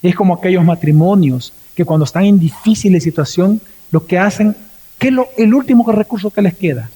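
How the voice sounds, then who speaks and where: A Salvadoran pastor preaches in a fairly high, mellow voice, leaping up and dropping low as he acts out the people in his story. His words ring out with the long reverb of a church hall. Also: a little fast, husky. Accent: Salvadoran Spanish. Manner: storytelling with acted quotes and swings in pitch. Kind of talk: sermon.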